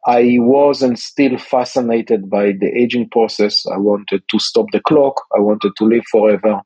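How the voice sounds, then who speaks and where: A man's voice: fairly low pitch, fairly even intonation, moderate pace, dark tone, breathy edge, dry recording, low-quality recording. A man who founded a company and works as a scientist, answering interview questions in a hesitant way with many fillers. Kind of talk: interview guest.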